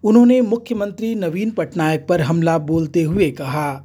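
A news anchor reading a formal political news report in steady, measured Hindi newsreading. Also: mid-range voice, breathy edge. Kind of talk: scripted news narration.

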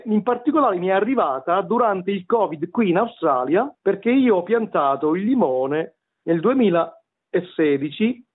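A man's voice: sits high, husky. A middle-aged man with a Neapolitan accent telling his story as a radio interview guest, hesitant and wordy, often repeating words. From Naples, Italy. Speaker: interview guest, tenor and vocal coach. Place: remote call to a radio show. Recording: tinny phone-line radio call.

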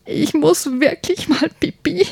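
A woman's voice: high-pitched, steady tone, measured pace, creaky, darkish tone, no echo, clean studio sound, voice pushed up, full character voice. A woman voicing a small boy prince in a read-aloud children's story, pleading that he needs the toilet. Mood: urgent whining. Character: whiny little boy prince desperate to pee.

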